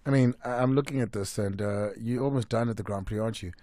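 A young adult man hosting a live radio interview in a studio, animated and repeating words as he asks questions. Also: on the low side, fast talker, no echo. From South Africa. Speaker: radio host. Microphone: studio mic with headphones.

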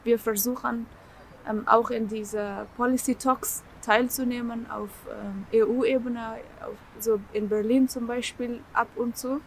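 A woman speaks slightly high and halting, filling pauses while she hunts for the next word. She is interviewed outdoors in a garden, with a faint hiss of open air behind her. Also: fairly even intonation, low-quality recording. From Afghanistan. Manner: searching for words, frequent fillers and restarts. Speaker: co-founder of the association. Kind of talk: interview answers to camera. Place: outdoors in a garden by leafy plants.

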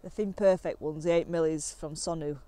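A woman's voice: sits low, a little fast. Chatty woman fishing by a lake. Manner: chatty and excitable, talking to camera between catches. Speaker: angling vlogger. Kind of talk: casual commentary while fishing. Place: outdoors on a lakeside bank. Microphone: camera on the bank.

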